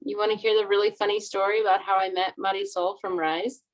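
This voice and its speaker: A woman on a video call, chatting casually and telling a lively story to her meeting group, full of fillers. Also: mid-range voice, fast. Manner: chatty, animated, lots of fillers. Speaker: meeting participant.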